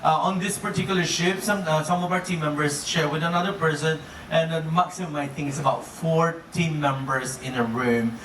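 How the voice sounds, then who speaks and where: A man's voice: on the high side, fairly quick, hardly any pauses, fairly bright tone. A man speaking as an upbeat, playful cruise director, giving a joking live presentation to guests. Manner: chuckles often at own jokes. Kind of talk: comedic live presentation to an audience. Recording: echoey noisy room, distant mic.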